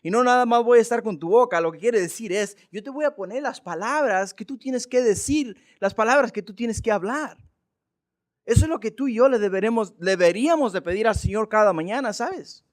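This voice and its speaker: A man with a noticeably high-pitched voice leads a Bible study from the pulpit. He preaches earnestly and with emphasis, leaning on rhetorical questions to drive each point home. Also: expressive, normal speed. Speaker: pastor.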